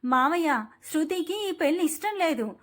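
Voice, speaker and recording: A woman voicing a hot-headed, jealous young man who shouts and accuses. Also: very high voice, lively intonation, moderate pace. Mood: insistent.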